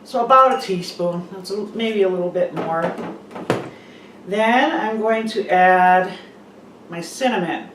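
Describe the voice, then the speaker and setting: A woman's voice: mid-range voice, unhurried, noisy background. A woman hosting a cooking video, chatting casually through a recipe in a half-packed kitchen with a big echo. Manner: chatty, relaxed, with fillers. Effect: big echo of a bare kitchen. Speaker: cooking channel host. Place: half-packed, empty-sounding home kitchen. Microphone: camera mic from a distance. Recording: echoey room, voice far from the mic.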